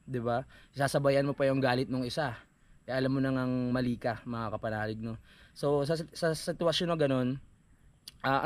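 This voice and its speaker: A man's voice: medium pitch, no echo. A young adult man tells a casual vlog story and slips into a mock-preachy tone, speaking to viewers as if to a congregation. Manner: mock-preachy, addresses viewers as "mga kapanalig". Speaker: vlogger.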